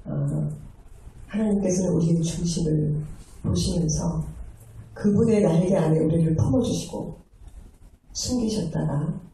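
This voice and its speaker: A woman junior pastor giving a sermon, telling stories and gently acting out the people in them. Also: lowish voice, unhurried, pauses often, a little hiss or hum. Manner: storytelling, acting out tender quoted voices. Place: large church sanctuary. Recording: echoey hall, voice from far off.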